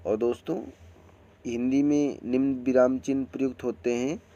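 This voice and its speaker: A man teaches a grammar lesson in his own channel's video, speaking at a middling pitch. He explains step by step in an unhurried way and keeps turning to his viewers in a friendly manner. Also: little pitch movement, mellow, highs cut off. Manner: slow, explanatory delivery with friendly addresses to viewers.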